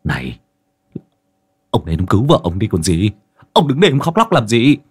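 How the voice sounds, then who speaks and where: A man's voice: fairly low pitch, huge pitch swings, normal speed, slightly rough, full character voice. A man voicing a brusque young exorcist who fires off curt demands. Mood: impatient.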